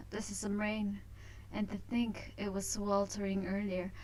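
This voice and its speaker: A woman plays a wry male visual novel hero, resigned to his lot. The delivery is dry and unhurried, at an everyday middle pitch. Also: level tone, a little mellow, lightly acted, rough recording. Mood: wry resignation.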